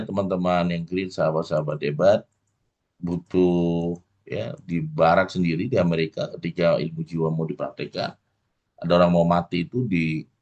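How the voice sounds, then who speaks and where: Brief middle-aged male coach, very low voice, lo-fi dull recording, lively motivational lecture full of asides to listeners. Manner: addresses the audience warmly, full of "ya" tags and acted examples.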